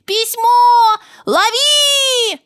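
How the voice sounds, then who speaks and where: A woman storyteller voicing an eager, cheerful little village girl in a children's story, with a high, piping, childlike voice. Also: measured pace, dry recording, clean studio sound, exaggerated voice. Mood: alarmed. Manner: bright piping childlike voice, excited. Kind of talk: storybook character voice.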